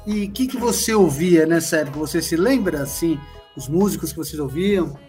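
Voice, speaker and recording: A man's voice: a little high, animated, fairly quick, darkish tone, soft background music. A man interviewing a guest, asking friendly, encouraging questions and often ending with tag questions.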